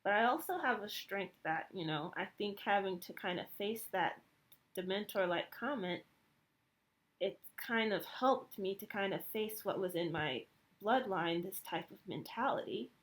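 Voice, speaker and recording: A woman's voice: medium pitch, normal speed. A woman in her thirties from the United States, giving a reflective personal monologue in a hesitant way with many fillers and restarts. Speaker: vlogger.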